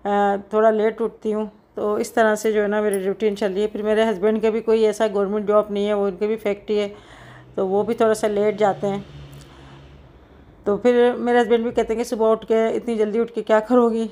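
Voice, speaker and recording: A middle-aged woman talks through her home cooking vlog in a chatty, rambling way, full of small fillers. Her pitch stays level and flat. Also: a little fast. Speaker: cooking vlogger. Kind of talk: casual home vlog chat.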